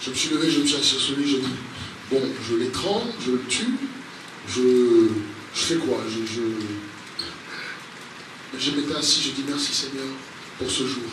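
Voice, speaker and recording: Delivered with long pauses at a moderate pace, this man's mid-range voice carries a spontaneous charismatic sermon and prayer to a congregation. As pastor he speaks emphatically, repeating exhortations, and the church service audio is roomy, distant-miked and noisy in a large echoey room.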